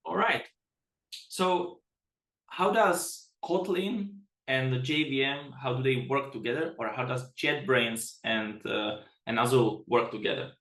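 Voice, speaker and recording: A man's voice: medium pitch, unhurried, fairly bright tone. Chatty Czech man in an echoey room. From Czech Republic. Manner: chatty, self-deprecating, frequent restarts. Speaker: product management director. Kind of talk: webinar presentation.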